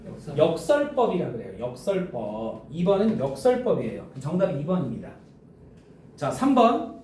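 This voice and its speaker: A male high school teacher giving a classroom lecture, throwing quick questions at students in casual speech. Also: dark tone. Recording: echoey classroom from a distance with faint noise.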